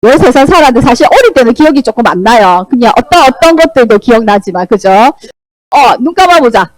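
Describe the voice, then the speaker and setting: A woman teaching a children's Sunday school Bible lesson, animated and asking the children questions. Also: fairly high pitch, brisk, no room sound, low-quality recording. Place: church classroom.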